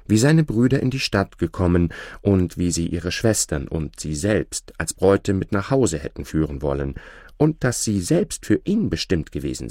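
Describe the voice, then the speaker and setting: A man reading a fairy tale aloud slowly and expressively. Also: deep voice, no echo, clean studio sound. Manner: slow, expressive, shifts voices for characters. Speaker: storyteller.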